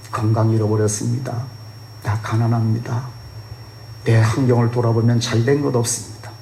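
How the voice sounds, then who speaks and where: A man's voice: medium pitch, vocal fry, a little mellow. A male pastor delivers a fervent Sunday sermon and sometimes acts out the people he quotes. His voice sits in a middle register. It rings through a reverberant church hall over a faint electrical hum. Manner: impassioned preaching, acting out quoted voices. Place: church sanctuary.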